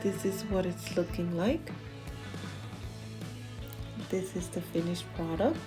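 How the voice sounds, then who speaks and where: Over music, a woman speaks slowly in a lowish voice, narrating her cleaning as a home organization vlogger. She chats casually with viewers, passing along encouraging tips.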